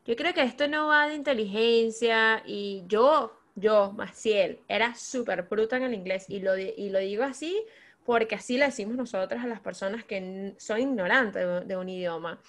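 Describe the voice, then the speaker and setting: A woman's voice: mid-range voice, moderate pace. A woman from Venezuela hosting a podcast, talking casually and effusively with lots of filler words. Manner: warm, effusive praise with frequent "o sea" fillers. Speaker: podcast host.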